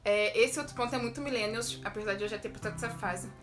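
A young woman co-hosting a casual chat, talking in quick animated bursts and often laughing. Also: fairly high pitch, over loud music. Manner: rapid, animated, laughs a lot.

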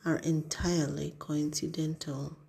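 A woman narrating an audiobook in a measured way, sometimes dropping to a breathy hush. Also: sits low, flat delivery. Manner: measured, with breathy hushed passages. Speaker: audiobook reader.

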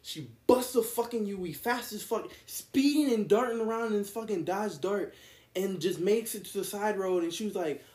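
A man's voice: sits high, moderate pace, darkish tone, reverberant. A young man in casual chat, telling a rambling story full of "like" and acted-out quotes. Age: young adult.

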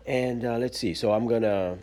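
A man hosting his own podcast in a relaxed, chatty and upbeat way, sitting at his desk at work and recording straight into a smartwatch. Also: medium pitch, moderate pace. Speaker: podcast host. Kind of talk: casual solo podcast talk.

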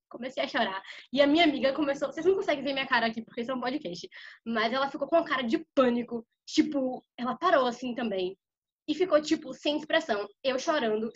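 A young woman on a podcast telling a story in a casual, slangy, animated way. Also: sits high, dull audio. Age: young adult. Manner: animated and slangy, vivid retelling. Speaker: podcast co-host.

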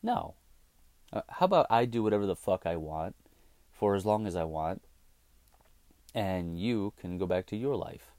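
Very animated and speaking at normal speed with frequent pauses, a thirtysomething host rants bluntly and swears freely on his own show. His low voice has a dark tone, and there's no room sound in this casual monologue.

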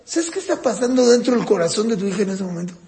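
In a hall with a long, echoing reverb, a parenting teacher talks fast about child rearing, posing questions to the audience and loudly acting out children and parents. His voice is high-pitched, animated and dark in tone.

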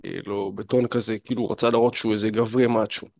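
Fairly low in pitch with little movement and noticeable vocal fry, this man chats to camera about dating and fitness, speaking directly to the listener and leaning on many fillers. It's a dry recording with dull audio.

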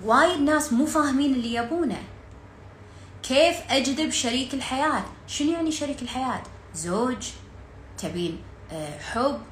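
Gulf arabic lady coaching a workshop, bright higher voice, lots of quick questions, roomy echo. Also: expressive, slight background noise. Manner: fires rapid rhetorical questions, mixes in English words.

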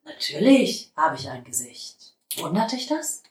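A woman voicing a big old talking tree in a storybook, deep-voiced, calm and friendly. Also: a little slow, reverberant, slight background noise. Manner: gentle, friendly and patient.

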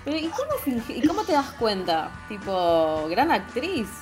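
A young woman with a Rioplatense accent co-hosting a casual chat, full of quick joking comebacks and slang. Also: fairly high pitch, sing-song, music in the background. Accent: Rioplatense Spanish. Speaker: podcast co-host.

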